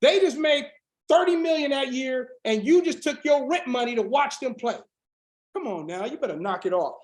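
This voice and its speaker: Hoarse, fiery preaching man coach. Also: very high-pitched, expressive, moderate pace, roomy sound. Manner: fiery preaching, rising to shouts. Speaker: business coach. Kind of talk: motivational sales training on a video call.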